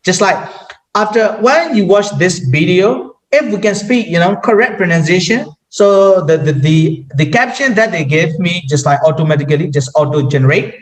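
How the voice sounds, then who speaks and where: High-voiced man with a Burmese accent. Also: animated, normal speed, poor audio. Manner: hesitant, repeats words, many "you know" fillers. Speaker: guest sharing language-learning tips. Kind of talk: casual conversation.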